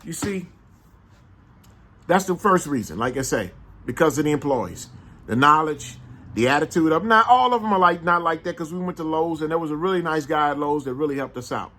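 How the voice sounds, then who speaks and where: A man with a St. in a casual, animated monologue, making his points with repeated rhetorical questions. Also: fairly high pitch, brisk. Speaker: vlogger.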